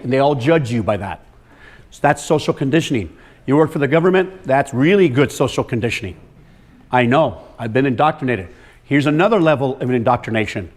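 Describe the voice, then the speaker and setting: A man's voice: mid-range voice, a little mellow. A man giving a lecture to a room of farmers, emphatic and direct, repeating words for stress and calling on the audience. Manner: addresses audience directly, walks and calls on them. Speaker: soil health speaker.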